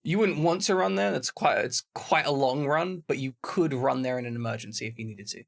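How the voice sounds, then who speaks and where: A man's voice: mid-range voice, expressive, a little fast, creaky. A man narrating as game master of a tabletop game, chatty and full of asides. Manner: explains at length, chatty with many asides.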